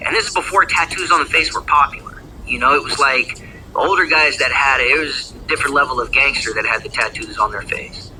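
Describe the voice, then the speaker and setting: Man spinning a long story, slangy and profane, bright edgy voice, faint hiss behind. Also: medium pitch, fairly quick, poor audio. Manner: profane, slangy, rambling with fillers. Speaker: former gang member telling his story. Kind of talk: casual storytelling.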